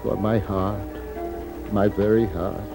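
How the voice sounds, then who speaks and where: A man voicing a gentle, sorrowful royal huntsman who speaks softly and hesitantly in a storybook record. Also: on the low side, steady tone, takes it slowly, vocal fry, music in the background. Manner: soft-spoken, hesitant, melancholy.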